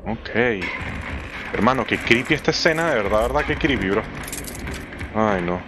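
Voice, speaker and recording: A young man with a Venezuelan Spanish accent does excitable let's play commentary on a horror game at a moderate pace, cursing often and breaking into squeaky, high-pitched exclamations. Background noise is audible.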